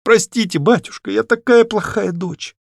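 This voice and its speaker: A man's voice: expressive, fairly quick, no room sound, studio quality. Man voicing a tearful young noblewoman. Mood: ashamed. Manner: high pleading voice, near tears.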